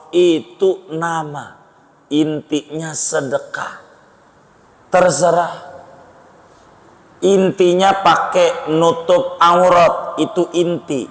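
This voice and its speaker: A man preaching a sermon, joking and conversational, with sudden jumps in pitch. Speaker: Islamic preacher. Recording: long hall reverb.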